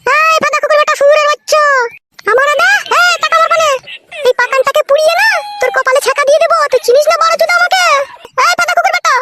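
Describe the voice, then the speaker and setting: A woman's voice: very high-pitched, fast. A woman voicing a brash, twice-married young wife in a comic cartoon who screeches insults at her husband. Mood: scolding. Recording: loud background noise.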